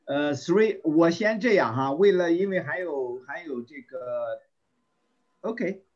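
Over an online call, a man leads a volunteer English class, reading phrases slowly and repeating them amid lots of fillers and throat clearing. His voice is fairly high and expressive, and the high frequencies are cut off.

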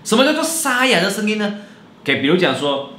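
A man, teaching a playful video lesson in an animated, jokey way and mixing in English and Malay words. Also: high-pitched, a little fast, very noisy. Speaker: language teacher. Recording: roomy echo.

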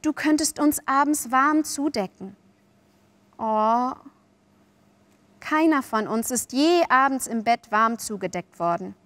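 A sly, boastful boy from a storybook, as a woman reader plays him. He coaxes and tempts in a raised, lively voice, offhand one moment and eager the next. The recording is dry and close. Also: a little high, takes it slowly, pauses often, dry recording. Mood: coaxing. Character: cocky, sly boy who never grows up.

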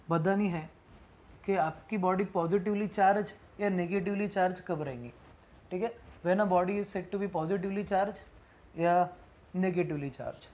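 A woman physics teacher giving a classroom lecture, dictating definitions slowly and repeating phrases word by word while mixing Hindi and English. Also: mid-range voice, a little mellow. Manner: mixes Hindi and English mid-sentence.

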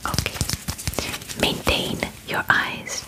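A woman in her twenties, an ASMR performer, plays a female alien examiner in a lightly acted roleplay recorded in her bedroom. Close to the microphone, she whispers softly, very slowly and deliberately, giving calm, clinical, formal instructions.

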